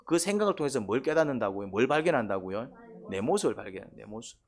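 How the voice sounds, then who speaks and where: A man's voice: medium pitch, big pitch swings, quick pace. A male pastor preaching a sermon in a conversational way, asking questions and answering them himself, and sometimes acting out quoted voices.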